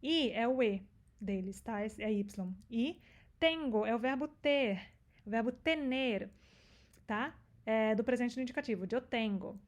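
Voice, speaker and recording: A Brazilian woman with a slightly high voice explains song lyrics as a teacher. She slows right down to repeat single words, patient and clear about each sound. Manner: patient, repeats words slowly to show pronunciation. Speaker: Spanish teacher.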